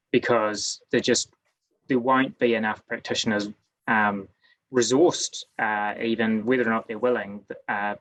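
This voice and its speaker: Low-voiced man, hesitant panelist. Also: a bit bright, poor audio. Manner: hesitant, many fillers. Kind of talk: webinar discussion. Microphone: video call.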